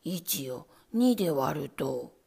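A nervous, pompous little rat stammers through his lessons, low, slow and whispery, as a woman reader puts him on. He clears his throat to seem important. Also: very animated, a little mellow, full character voice. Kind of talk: storybook reading.

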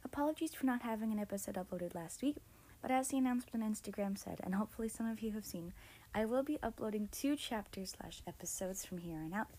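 A woman's voice: mid-range voice, expressive, quick pace, warm tone, rough recording. A woman narrating a story chapter by chapter, reading steadily and expressively. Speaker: audiobook narrator.

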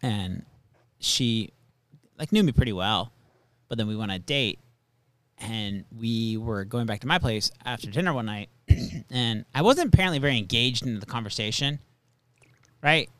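A man's voice: mid-range voice, lively intonation, moderate pace, a bit bright, no echo. A man, a stand-up comedian, telling stories in a rambling casual chat full of fillers. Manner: rambling, filler-heavy storytelling.

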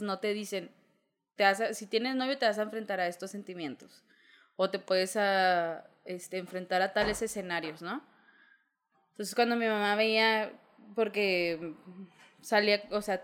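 A woman's voice: mid-range voice, clear, resonant tone. A young woman with a Mexican Spanish accent, co-hosting a casual chat and telling candid, slangy stories about her family.

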